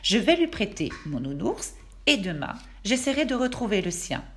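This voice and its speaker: A woman voicing a kind patchwork elephant who speaks gently and helpfully in a children's storybook. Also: medium pitch, sing-song, normal speed, pitched above the performer's own voice. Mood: friendly.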